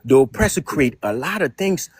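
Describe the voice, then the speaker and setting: A man's voice: medium pitch, lively intonation, moderate pace, slightly rough, dry recording, clean studio sound. A man calling in to a stream and talking in an earnest, insistent way. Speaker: caller. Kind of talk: casual call-in talk.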